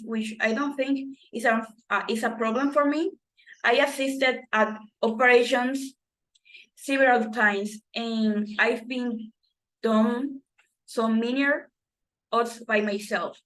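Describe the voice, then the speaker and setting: Slow, halting woman reading a textbook. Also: on the high side, fairly bright tone, rough recording. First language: Spanish. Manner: halting, self-correcting reading with restarts. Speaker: student reading textbook exercises.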